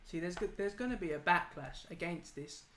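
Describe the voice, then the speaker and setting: A man's voice: high-pitched, expressive, brisk, fairly bright tone. Opinionated man ranting in an echoey room. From England. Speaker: political talk show host. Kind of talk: casual political debate. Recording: echoey room with faint noise.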